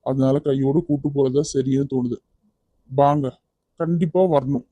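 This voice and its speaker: A performer voicing a kind, persistent young man in a cartoon, firm yet gentle as he coaxes someone to come along. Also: medium pitch, fairly even intonation, unhurried, no room sound, lightly acted. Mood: gentle coaxing. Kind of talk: cartoon voice acting.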